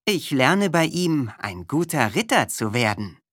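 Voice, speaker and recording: A woman's voice: sits low, sing-song, measured pace, a bit bright, slightly rough, no room sound, studio quality, heavily acted. A woman voicing a confident young boy in a storybook, the nephew of a knight, training as an archer, eager and outgoing.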